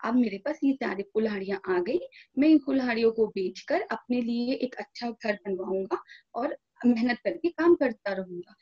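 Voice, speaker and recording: An honest, hardworking young woodcutter telling his tale earnestly, as a woman reads him in a storybook. The voice is high and mellow. It sounds somewhat muffled. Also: lively intonation, moderate pace, husky.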